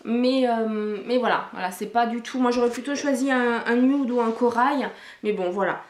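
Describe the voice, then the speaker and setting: A woman's voice: a little high, normal speed, echoey room. A woman chatting casually through a product review vlog, talking with many fillers and restarts into a camcorder microphone.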